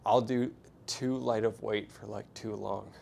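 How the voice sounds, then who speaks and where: A young fitness vlogger talks casually to a camera set at a distance, chatting between sets in a small hotel gym. His voice is fairly low, steady, a little slow, creaky and slightly mellow, and he rambles in a laid-back way with lots of fillers. A small clip-on mic picks him up along with slight background noise.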